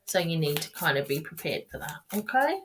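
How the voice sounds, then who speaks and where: A woman's voice: sits low, big pitch swings, a little fast, a bit bright, a little hiss or hum. A woman giving casual tarot readings on a live stream, chatty and affectionate, rambling and restarting her sentences as she talks to viewers. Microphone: webcam or phone mic on a live stream.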